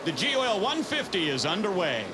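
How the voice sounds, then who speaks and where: A man's voice: sits high, very animated, normal speed, background noise. A man working as lead motorsport commentator, calling live races in an upbeat, polished broadcast delivery. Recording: music behind the voice.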